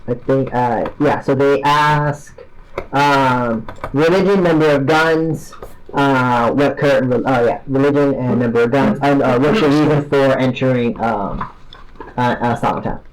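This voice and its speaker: A man running a tabletop game as game master, talking in a halting way full of fillers and restarts. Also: medium pitch, a little hiss or hum, poor audio.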